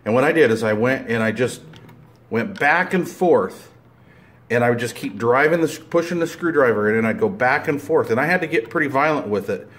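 A man's voice: medium pitch, animated, brisk, fairly bright tone. A man talking through a hands-on repair tutorial in a rambling, plain-spoken way, full of fillers and restarts, filming close-up at a table indoors. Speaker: DIY video maker.

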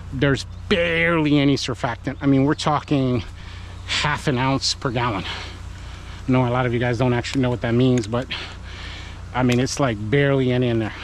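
A man hosting a work vlog, chatting and coaching viewers while he washes a house outdoors. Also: mid-range voice. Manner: chatty, encouraging, talks to viewers while working. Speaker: pressure washing business owner and channel host. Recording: noisy outdoor recording.

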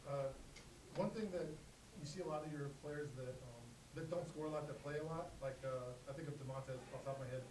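A man's voice: on the high side, a little fast, a crowd in the background. A man, a reporter asking rambling questions at a press conference, recorded from a distance in an echoey room.

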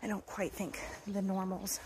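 On a wooded mountain trail during a thru-hike, a woman in her twenties records a casual vlog on a phone camera held at arm's length. Her medium-pitched voice is level and at normal speed, chatty and peppered with ums, sometimes sinking to a near whisper. The background is noisy.

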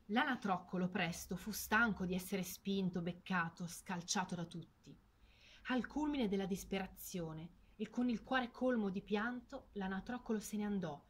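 A woman telling a fairy tale to children, expressive and lingering on words. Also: mid-range voice, slight background noise. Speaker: storyteller. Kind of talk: storybook narration for children.

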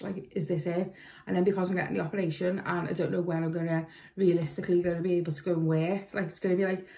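A woman's voice: lowish voice, vocal fry, a little mellow, slightly rough. A young woman vlogging in casual, rambling chat, self-deprecating and swearing now and then. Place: parked car.

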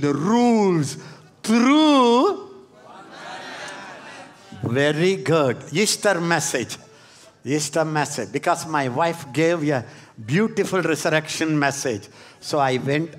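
A man with a South Indian accent preaching in an animated, repetitive style, putting questions to his congregation. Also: on the high side, a little slow. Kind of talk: animated interactive sermon.

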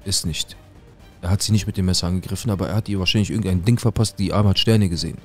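A man's voice: low voice, steady tone, racing, a little mellow, faint music behind. A young man telling a dramatic true story in casual, slangy street talk, speaking to his viewers.

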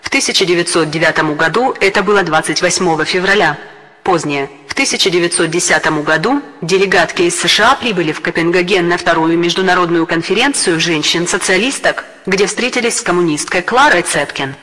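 A synthetic male text-to-speech voice reading an encyclopedia text in an even, mechanical way. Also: sits high, fairly quick, big-room sound. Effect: text-to-speech robot voice.

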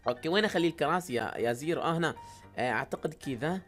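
A woman with an Iraqi Arabic accent hosting excited game commentary, with shouty exclamations. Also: low voice, very fast, soft background music. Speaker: gaming channel host.

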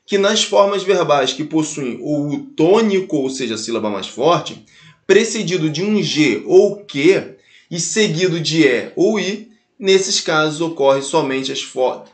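A Brazilian man with a fairly high voice leads a grammar lesson, speaking with a Brazilian Portuguese accent. He talks straight to his students and repeats each example slowly to drive it home. The sound is echoey, as if recorded in a bare room. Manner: animated, addresses students directly, repeats and spells out examples. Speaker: Portuguese teacher.

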